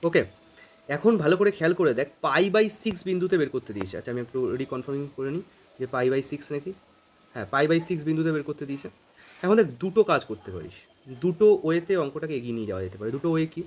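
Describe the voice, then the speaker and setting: A man's slightly high, expressive, somewhat mellow voice moves fast as he teaches calculus. It's a casual math lesson, and he thinks aloud while working the problems.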